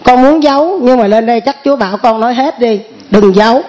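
A woman's voice: fairly high pitch, fairly quick, warm tone. A middle-aged woman giving an earnest spoken testimony in church, often repeating and restarting her words.

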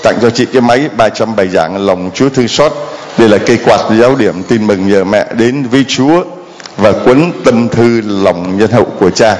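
A man's voice: lowish voice, moderate pace, a little mellow, slight background noise. A man leading a church gathering, handing out gifts and directing the congregation. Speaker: priest leading a service. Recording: long hall reverb with crowd.

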